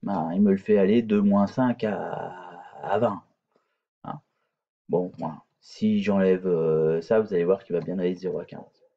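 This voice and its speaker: A man's voice: low voice, steady tone, a little slow, dull audio. A man teaching a hesitant, filler-filled screencast coding lesson, talking through code on screen. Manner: hesitant, many fillers and restarts.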